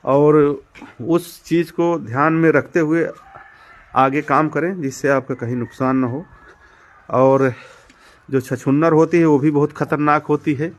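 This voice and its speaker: A man showing viewers around his poultry farm, explaining step by step with many fillers and repetitions. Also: a little high. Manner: addresses viewers directly as friends and brother. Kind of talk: casual walk-through demonstration.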